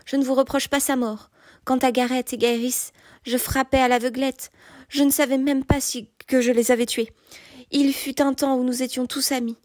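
A noble, guilt-stricken male knight pleading in earnest, as a woman voices him for an audiobook. Her voice sits a little high, and the sound is dry and close. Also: flat delivery, moderate pace, dry recording, close to an everyday voice. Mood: sorrowful. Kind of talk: audiobook character reading.

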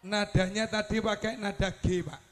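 A man's voice: high voice, steady tone, normal speed, fairly bright tone. A man with an East Javanese accent, a preacher acting as emcee, joking and teasing the crowd and laughing often.

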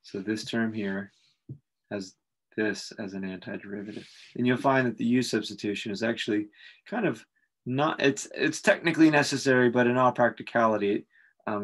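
Low-voiced man explaining calculus steps. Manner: relaxed, explanatory, thinks aloud with fillers. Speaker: math instructor. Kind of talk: recorded calculus lecture.

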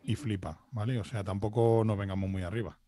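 A man's voice: fairly low pitch, fairly even intonation, fairly quick, warm tone. A man co-hosting a live podcast, chatting and commenting in a joking, blunt way. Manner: joking, blunt, swears casually. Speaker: podcast host. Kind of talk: casual live commentary chat.

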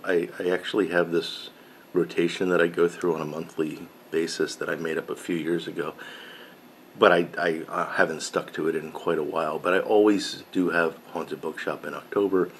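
Slight noise sits behind the low voice of a middle-aged woodworking host who smokes a pipe and chats to camera in his home workshop, a pegboard of tools on the wall. He rambles, keeps correcting himself, and uses lots of fillers.

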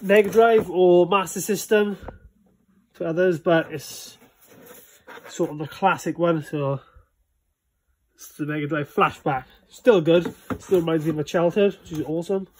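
Young Welsh man, relaxed chatty vlogger, higher-pitched, faint background hiss. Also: a little slow. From Wales. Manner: chatty, rambling with many fillers. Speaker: vlogger giving a room tour. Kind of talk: casual chat. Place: small indoor games room at home. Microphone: phone camera held in hand.

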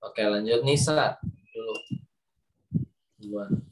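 A man teaching Quran pronunciation in an online class, patiently modeling letter sounds and correcting students. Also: on the low side. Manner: patient, repeats letter sounds slowly to demonstrate. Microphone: video call. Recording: distant video call audio.

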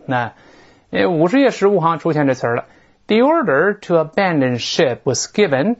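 An English teacher giving a recorded lecture, explaining a textbook in Chinese, reading English example sentences slowly and often asking "right?". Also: mid-range voice, dull audio. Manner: frequent tag questions and drawn-out fillers.

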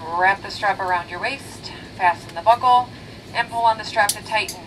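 A woman's voice: mid-range voice, normal speed, fairly bright tone. Lady flight attendant safety spiel, a bit far off, faint plane noise. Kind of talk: scripted cabin safety announcement. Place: aircraft cabin over intercom. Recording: distant cabin PA with aircraft noise.

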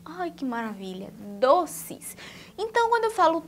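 A woman teaching young children a literacy lesson, drawing out words in a slow, sing-song way. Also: high-pitched, big pitch swings. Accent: Brazilian Portuguese.

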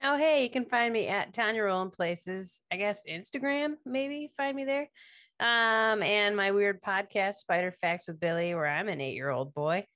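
A woman's voice: medium pitch, normal speed, fairly bright tone, no echo, studio quality. A woman introducing herself as a player on a tabletop game stream, offhand and a little hesitant. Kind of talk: casual self-introduction.

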